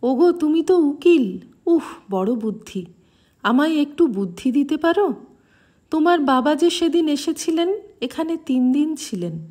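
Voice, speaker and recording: A woman voicing a playful older male holy man who teases and coaxes in a lively, affectionate way, in a slow, mellow voice. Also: sits high, voice pushed up. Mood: teasing.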